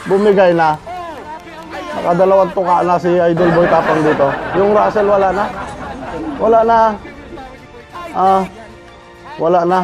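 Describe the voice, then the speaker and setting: A man giving a lively reaction commentary on a boxing video, shouting punch sound effects between remarks. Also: high voice, moderate pace, pauses often, over music, crowd noise. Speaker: YouTuber reacting to a fight video.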